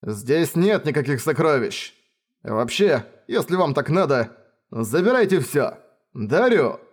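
A man's voice: fairly high pitch, very animated, slow, full character voice. A man voicing a grumbling sly young hero. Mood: exasperated.

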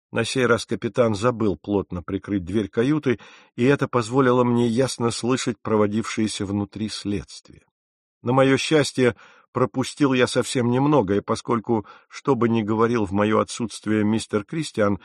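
A man narrating an audiobook in an even, expressive storytelling manner. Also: mid-range voice, no room sound, studio quality. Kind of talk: scripted narration.

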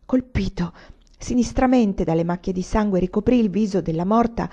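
Woman audiobook reader, mellow dark tone, measured and expressive, dull lo-fi sound. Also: mid-range voice. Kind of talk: literary audiobook narration. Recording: slightly dull lo-fi recording.

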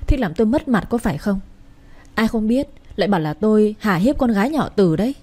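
A woman's voice: medium pitch, animated, a little fast, a little mellow, close to an everyday voice. Storybook: woman reading stern rich young husband, curt and scolding. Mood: angry. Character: stern, cold young husband, a wealthy family's son.

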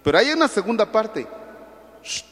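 Slow-speaking priest in a reverberant church. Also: male voice, a little high, lively intonation. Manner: slow, swings from loud emphasis to soft near-whispers; acts out little dialogues with a confessing parishioner.

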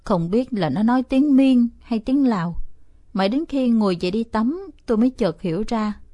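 A woman reading a first-person story aloud as an audiobook narrator, steady and expressive. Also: fairly high pitch, normal speed, dry recording, dull audio.

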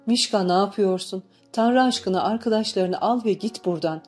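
A woman's voice: mid-range voice, normal speed, warm tone, soft background music, close to an everyday voice. A woman voicing a frightened, tender old grandmother who pleads, in an audiobook reading. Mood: pleading.

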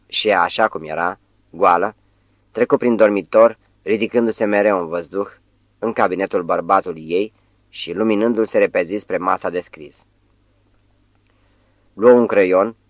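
A male audiobook narrator with a low, deep voice, reading in a measured way. Phrase ends soften and trail off. The sound is dry and close, with no room around it. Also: dry recording. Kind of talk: scripted narration.

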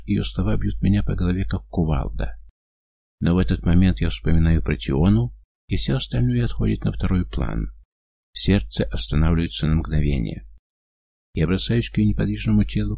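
A man narrating a first-person audiobook in a very deep, gravelly voice. The tone is dark and mellow, and the close microphone leaves the read completely dry. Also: no room sound.

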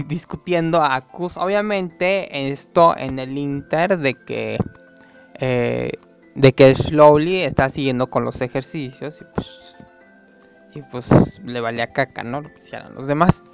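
Slow-talking young man. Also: fairly high pitch, clear, resonant tone, lo-fi sound. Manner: rambling and gossipy, full of fillers and tag questions. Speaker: vlogger. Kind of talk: casual storytelling.

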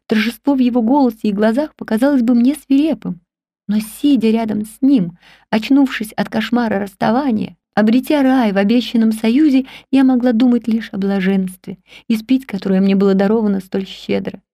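A woman narrating a classic novel in the first person, calm and measured. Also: on the high side, no echo, studio quality. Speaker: audiobook narrator.

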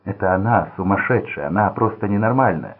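A man's voice: low voice, animated, brisk, slightly rough, full character voice. A man voicing a panicked, blinded young thug who pleads desperately for his life. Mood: agitated. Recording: tinny phone-like sound.

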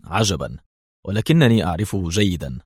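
Man doing an unhurried spy chief; deep, husky, dry. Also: dry recording. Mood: calm. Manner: calm, wry. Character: calm, knowing male intelligence chief.

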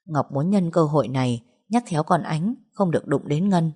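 A woman narrating a dramatized audiobook in a steady, expressive storytelling manner. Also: low-pitched, moderate pace, slightly rough.

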